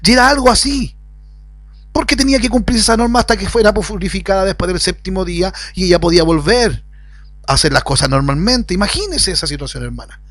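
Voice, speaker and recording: A man preaching a sermon, swinging between loud emphatic rises and quiet lowered phrases. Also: quick pace, no room sound. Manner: preaching with sudden rises and drops in pitch. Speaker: pastor. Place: at home.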